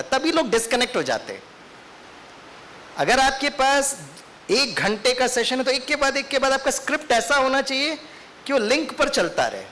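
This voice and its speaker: A man's voice: sits high, pushed and bright. A man with an Indian accent giving a lecture to teachers in training, telling a story and putting questions to his audience. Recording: faint hiss.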